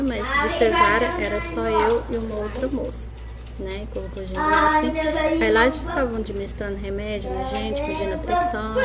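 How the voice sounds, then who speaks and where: A woman's voice: medium pitch, poor audio. Chatty woman telling a birth story. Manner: chatty, addresses viewers as "gente", frequent "né?". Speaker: vlogger. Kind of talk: casual storytelling to camera. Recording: noticeable background noise.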